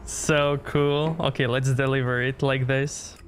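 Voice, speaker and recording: A man's voice: medium pitch, little pitch movement, a little slow, a little hiss or hum. A man giving let's play commentary as a livestream gamer.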